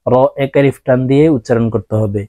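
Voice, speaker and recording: A man teaching Arabic letter pronunciation, with a Bangladeshi Bengali accent, explaining calmly and then drawing out each letter in long sung tones. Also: mid-range voice, no room sound. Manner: slow, drawn-out sung letter sounds between calm explanations. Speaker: Quran teacher.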